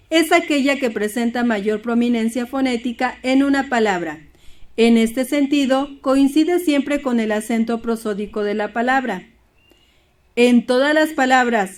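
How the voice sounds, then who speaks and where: A woman teaching a primary school Spanish lesson, explaining steadily and reading poems and word examples aloud. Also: a little high.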